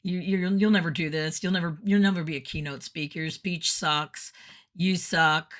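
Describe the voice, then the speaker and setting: A woman's voice: lowish voice, steady tone, moderate pace, fairly bright tone, close to an everyday voice. A woman voicing a nagging inner voice of self-doubt that belittles and taunts. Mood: taunting.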